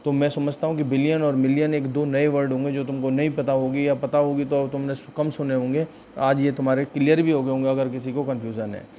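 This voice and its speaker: A man with a Hindi accent giving a spoken English grammar lecture, explaining step by step and slowing down for English example sentences. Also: mid-range voice, little pitch movement, dark tone, slight background noise. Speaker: English teacher.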